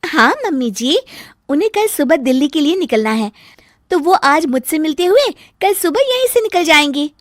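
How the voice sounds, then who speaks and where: A woman's voice: high-pitched, animated, normal speed, no room sound, clean studio sound. A woman voicing a polite, cheerful young daughter-in-law in a cartoon, respectful and eager. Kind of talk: cartoon dubbing.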